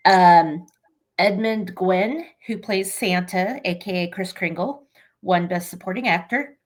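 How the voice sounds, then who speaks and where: A woman co-hosting a casual movie chat, joking, blunt and swearing casually. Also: lowish voice. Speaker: podcast co-host.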